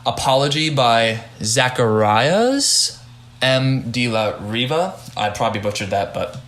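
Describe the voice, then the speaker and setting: Young man hosting, halting casual talk. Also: medium pitch, expressive, fairly bright tone, echoey room. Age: young adult. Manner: halting, hedging, many restarts. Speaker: podcast host and judge. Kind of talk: casual podcast chat.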